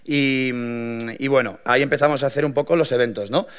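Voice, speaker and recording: A young man, telling his founding story to an audience in a lively, colloquial way with many restarts. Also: medium pitch, fairly quick, smooth. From Madrid, Spain. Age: 20s. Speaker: young entrepreneur giving a talk.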